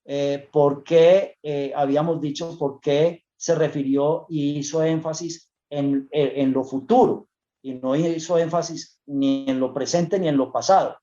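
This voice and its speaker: A Bible study teacher giving an unscripted lesson to a congregation, talking in a halting way with frequent hesitations and restarts. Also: medium pitch, fairly even intonation, dark tone. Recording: dull lo-fi recording.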